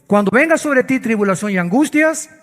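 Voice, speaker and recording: A man's voice: very high voice, lively intonation, brisk, big-room sound. A male pastor preaching a dramatic sermon full of rhetorical questions.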